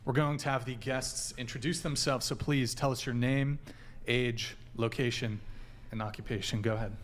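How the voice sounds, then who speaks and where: Brisk podcast host man, methodical. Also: mid-range voice, fairly even intonation. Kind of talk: podcast interview.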